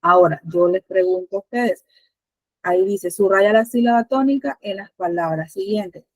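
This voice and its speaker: A woman's voice: mid-range voice, normal speed, a little mellow, no echo, rough recording. A Spanish teacher with a Panamanian accent, a woman, patiently asking her students questions with many fillers.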